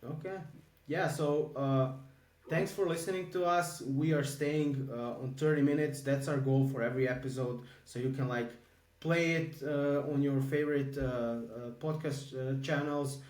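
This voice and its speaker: A man from Croatia co-hosting a podcast in casual chat, halting with many fillers and restarts. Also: medium pitch, fairly even intonation, a little mellow, far from the mic. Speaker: podcast co-host. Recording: echoey room, a bit off-mic.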